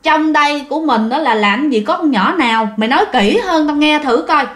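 A woman voicing a gruff, impatient male platoon leader who scolds briskly. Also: high voice, a bit bright, reverberant. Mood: scolding. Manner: brusque, scolding, quick.

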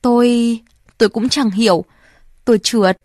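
A frightened young mill girl, voiced by a woman reader speaks in a high, shaky voice. She sounds hurt and defensive. The reading is close and dry. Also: steady tone, normal speed, darkish tone, no room sound, natural voice. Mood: shaken. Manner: shaky, pleading.

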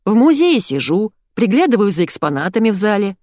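A woman reading aloud puts on a creaky-voiced old mother-in-law who barks and mocks, her pitch leaping around. The storybook voice sits close and dry, with no room around it. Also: very animated, fairly quick, dark tone, no echo, natural voice. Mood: mocking. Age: older. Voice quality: creaky mezzo-soprano. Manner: barking, mocking. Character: older grumpy sharp-tongued mother-in-law. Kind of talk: audiobook character voice.

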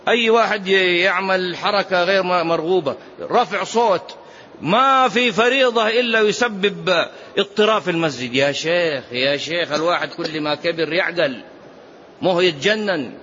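Preacher guy, middle-aged, high voice, keeps asking rhetorical questions, muffled lo-fi mosque tape. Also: moderate pace. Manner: animated, exhorting, rhetorical questions. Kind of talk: mosque lesson sermon. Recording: dull lo-fi mosque recording with faint noise.

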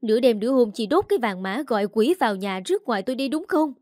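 Woman doing a sharp-tongued young in-law, fast and accusing, storybook reading. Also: fairly high pitch, lively intonation, no room sound, studio quality.

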